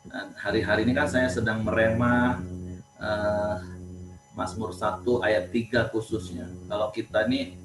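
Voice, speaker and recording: A man leading a devotional, responding calmly and encouragingly after a testimony. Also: lowish voice, measured pace, over music. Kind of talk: short sermon response. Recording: roomy, distant, noisy audio.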